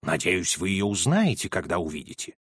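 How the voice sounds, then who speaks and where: Man doing a low, unflappable detective. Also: husky, dry recording, clean studio sound, full character voice. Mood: calm. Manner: calm, measured, understated. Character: calm, unflappable male detective, middle-aged.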